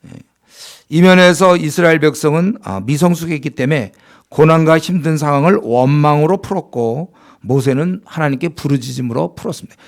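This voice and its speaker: A man's voice: on the high side, fairly quick, creaky. A man preaching a sermon as pastor, in a conversational style that acts out complaining believers in a raised voice.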